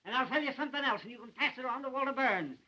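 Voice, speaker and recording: Blustering pompous sheriff; high, bright, dull vintage film audio. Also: male voice, expressive, racing, exaggerated voice. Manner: blustering, threatening. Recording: dull old film soundtrack.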